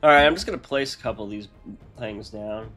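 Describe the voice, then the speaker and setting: A man's voice: fairly low pitch, brisk, fairly bright tone, soft background music. A man with a congested, nasal voice, chatting casually on a live stream as he rambles through his modding work aloud.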